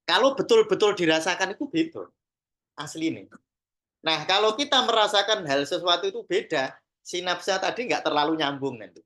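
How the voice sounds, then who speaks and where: A man's voice: high-pitched, expressive, moderate pace, fairly bright tone. Javanese-accented man teaching casually. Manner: conversational, mixes in Javanese phrases, acts out examples. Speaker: Sufi teacher and therapist trainer. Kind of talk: informal teaching talk to a class.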